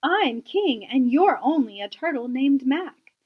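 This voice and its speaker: A pompous storybook turtle king, played by a woman, bellows his boasts in a high voice that swoops widely. He is domineering and greedy, and the sound is slightly dull and lo-fi. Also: animated, measured pace, breathy edge, full character voice. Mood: angry, commanding. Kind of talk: children's storybook read-aloud.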